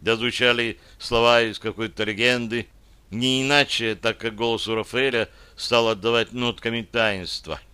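Male narrator, bright tone, dry close studio sound, steady fantasy reading. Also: mid-range voice, normal speed, clear, resonant tone, dry recording. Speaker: audiobook narrator. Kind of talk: scripted first-person fantasy narration.

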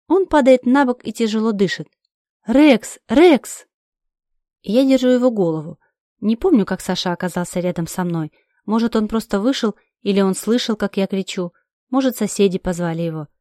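A woman's voice: medium pitch, animated, brisk, dark tone, dry recording, clean studio sound. A woman narrating a first-person story aloud with urgent, emotional delivery. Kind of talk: first-person audiobook reading.

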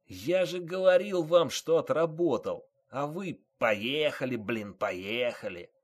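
Grumpy loud cop driver guy, man reading it, lively up and down voice. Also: mid-range voice, moderate pace, breathy edge. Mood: angry. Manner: loud, complaining. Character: gruff male police driver, blunt, grumbling.

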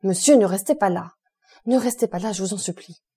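A woman's voice: medium pitch, a little fast, dark tone, breathy edge, natural voice. Woman reading a terrified pleading steward. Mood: frightened pleading. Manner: fearful, pleading, agitated exclamations.

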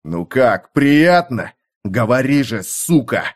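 A man's voice: medium pitch, very animated, slow. A man voicing a brutal young mercenary who snarls threats. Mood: furious.

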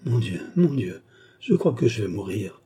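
A man's voice: lowish voice, big pitch swings, normal speed, warm tone, husky. Man voicing a desperate young courtesan. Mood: terrified. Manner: pleading, breaking into cries. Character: young woman, a frightened courtesan.

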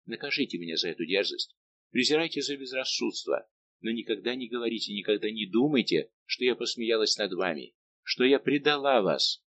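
A man's voice: mid-range voice, lively intonation, fairly quick, a bit bright, no echo, dull audio. A man reading as a desperate young woman in love. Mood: impassioned. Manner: impassioned, pleading.

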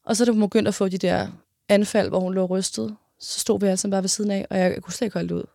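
Young woman with a gravelly, halting voice. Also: mid-range voice, fairly even intonation, dark tone, no echo, clean studio sound. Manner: halting, with many restarts and pauses. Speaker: interviewee. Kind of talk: personal storytelling in an interview.

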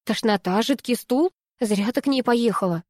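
A woman's voice: fairly high pitch, moderate pace, darkish tone, dry recording, studio quality, lightly acted. A woman reading a story and voicing a worried, caring middle-aged mother on the phone who fusses with anxious questions. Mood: fretting.

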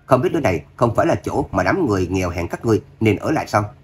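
A man's voice: very animated, very fast, breathy edge. A man voicing a sneering, spiteful rich young woman. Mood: mocking. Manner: sneering, shrill when angry.

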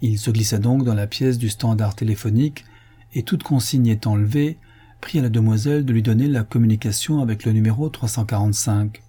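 A male audiobook narrator with a mellow, dark tone and a slightly husky edge. He reads in a measured, even storytelling manner. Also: fairly low pitch. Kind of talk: scripted narration.

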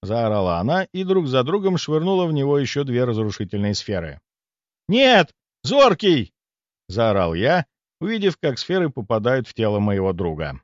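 A man narrating a fantasy audiobook in the first person, expressive and storytelling. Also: mid-range voice, brisk, no room sound, muffled recording.

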